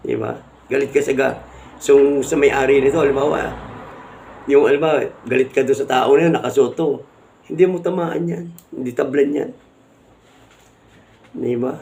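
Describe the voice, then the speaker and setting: A man's voice: medium pitch, steady tone, moderate pace, gravelly, pauses often, darkish tone, a little hiss or hum. A middle-aged man with a Filipino accent explains amulets to viewers in casual talk, repeating points and asking if they understand. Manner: repetitive, rhetorical, keeps asking viewers to agree. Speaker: amulet vlogger.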